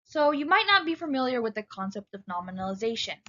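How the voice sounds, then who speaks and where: A woman giving a recorded writing lecture, speaking clearly and instructively and addressing students directly. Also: on the high side, sing-song, fast, bright, forceful tone, dull audio.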